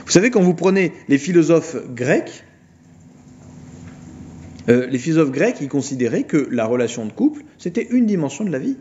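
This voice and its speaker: A man giving an informal philosophy lecture, retelling a film plot with mocking, animated storytelling. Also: a little high, normal speed, muffled recording, a little hiss or hum.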